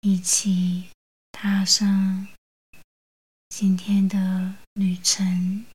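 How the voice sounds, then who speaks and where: A woman narrating a guided bedtime relaxation like a sleep story narrator, in a soothing, hushed, breathy near-whisper with long pauses. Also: mid-range voice, completely flat delivery. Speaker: host of a bedtime relaxation show.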